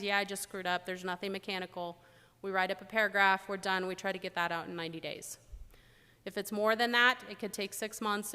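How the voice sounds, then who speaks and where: Middle-aged woman presenter, blunt and joking, bright edge, echoing conference hall. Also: medium pitch, smooth. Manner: blunt, joking, animated storytelling. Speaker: air safety investigator giving a presentation. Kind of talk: conference talk.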